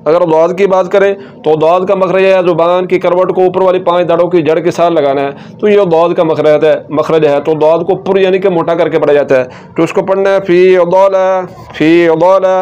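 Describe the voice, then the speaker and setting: A man teaching Quran recitation, explaining letter sounds step by step and repeating words slowly. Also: fairly high pitch, a little mellow, highs cut off. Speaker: tajweed teacher.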